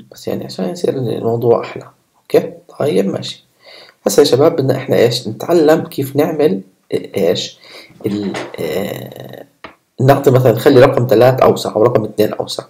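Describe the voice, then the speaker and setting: A man walks viewers through a coding lesson in a relaxed, chatty way. His voice is gravelly and mellow. Keyboard typing sounds in the background. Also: mid-range voice. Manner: chatty, talks to viewers while typing code. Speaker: programming instructor. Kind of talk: casual screen-recorded coding tutorial.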